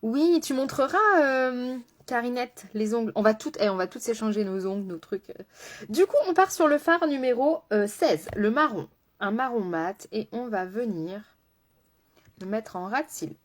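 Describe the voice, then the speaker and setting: A woman's voice: fairly high pitch, animated, normal speed. A woman makeup artist chatting casually on a live stream, laughing often and answering viewers by name as she works. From France.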